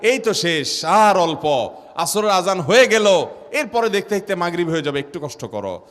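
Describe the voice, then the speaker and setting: A man voicing a gentle old grandfather with a colloquial Bangladeshi Bengali accent. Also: high voice, big pitch swings, moderate pace. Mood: soothing. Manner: soothing, counting down. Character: gentle old grandfather coaxing a fasting child. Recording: long hall reverb.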